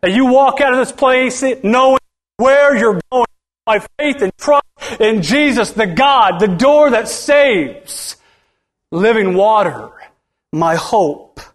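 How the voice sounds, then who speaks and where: A middle-aged male pastor preaching a sermon in a church, swinging from loud, rising lines to hushed ones and calling out for responses from the congregation. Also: very high-pitched, animated, takes it slowly.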